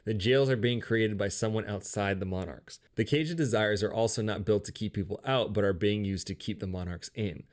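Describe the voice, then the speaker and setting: A man's voice: lowish voice, a little fast, few pauses. A man narrating a casual, comedic video game story recap with a sarcastic, profane, wisecracking delivery.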